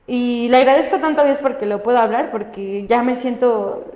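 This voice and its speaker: High-voiced woman telling her testimony. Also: moderate pace, a little mellow. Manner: frequent questioning tag "¿no?" after phrases. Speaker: guest sharing her testimony. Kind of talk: personal faith testimony in a podcast conversation. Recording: echoey room with long reverb.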